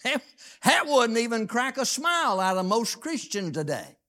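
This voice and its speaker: A man preaching a folksy, plainspoken sermon, reading scripture aloud and stressing words with drawn-out emphasis. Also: extremely high pitch, very animated, sharp tone.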